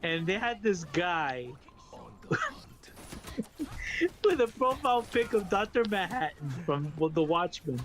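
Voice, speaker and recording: Excitable New York man, higher voice. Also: measured pace, long pauses. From Brooklyn, New York. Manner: excitable, laughing, repeats words, says "bro". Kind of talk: casual gaming stream chat.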